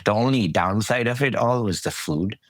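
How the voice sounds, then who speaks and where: A middle-aged man from Saudi Arabia, a podcast guest telling his story in a relaxed, conversational way with frequent restarts. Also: fairly low pitch, moderate pace, no echo. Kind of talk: conversational interview.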